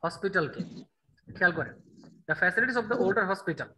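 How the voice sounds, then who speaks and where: A man teaching an online English grammar class, quizzing a student and reading answer options slowly. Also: high-pitched, animated, pushed and bright, slight background noise, rough recording. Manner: drills answers with rhetorical questions, reads options slowly.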